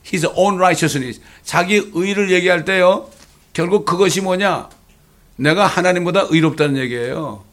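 A man preaching a sermon as pastor, with rhetorical questions and dramatic quoted lines. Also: high-pitched. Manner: preaching with dramatic voiced scripture quotes and English phrases.

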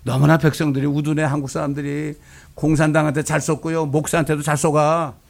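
A man's voice: on the high side, level tone, fairly quick, vocal fry. A male pastor preaching a fiery, blunt sermon, with coarse insults thrown in.

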